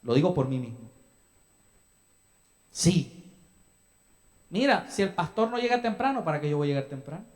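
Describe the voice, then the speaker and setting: This young Salvadoran man preaches as a pastor in a church sanctuary, speaking to the congregation with questions and acted-out asides. His slightly high voice swings widely in pitch and is a little mellow, at normal speed with frequent pauses.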